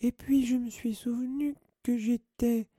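A man voicing the ghost of a teenage girl in a tragic, breathy whisper. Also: very high voice, steady tone, unhurried, mellow, dry recording, pitched above the performer's own voice. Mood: mournful.

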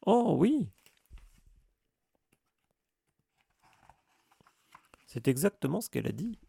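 A man voicing a teenage schoolboy with a blunt, hurried way of talking. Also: mid-range voice, very animated, vocal fry, mellow, dry recording. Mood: eager.

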